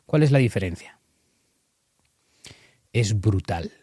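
A man's voice: lowish voice, expressive, takes it slowly, warm tone, slightly rough, no echo, clean studio sound. A man, explaining ideas and guiding an exercise in earnest, emphatic conversation.

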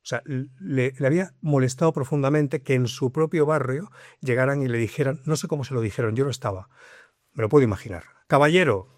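A middle-aged man, a police officer, telling a story in a relaxed chat and acting out the dialogue as he goes. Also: mid-range voice, fast talker, dry recording, studio quality. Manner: animated, acts out dialogue in his tale. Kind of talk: conversational storytelling.

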